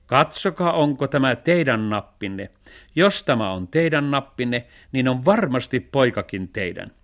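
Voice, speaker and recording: A man's voice: medium pitch, animated, close to an everyday voice. A man voicing a nosy, fussy village postman in a radio storybook reading, pedantic and officious. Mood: chatty.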